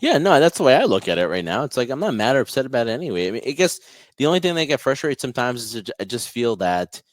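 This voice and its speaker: A man co-hosting a podcast, giving earnest, quick opinions in casual chat. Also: mid-range voice, very animated, no echo, clean studio sound. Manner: earnest, quick, restarts phrases. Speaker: podcast co-host.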